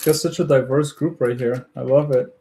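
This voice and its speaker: A man's voice: medium pitch, fairly even intonation, moderate pace, dark tone, slight background noise. A man from Ukraine hosting a casual livestream, chatting with viewers and laughing often as he builds. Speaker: livestream host. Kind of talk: casual chat with live viewers.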